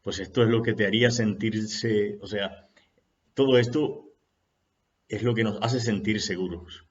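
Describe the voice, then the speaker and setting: A man speaks in an unhurried, reflective way on spiritual matters and poses rhetorical questions to his listeners. His voice sits low. The recording is dull and lo-fi. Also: fairly even intonation.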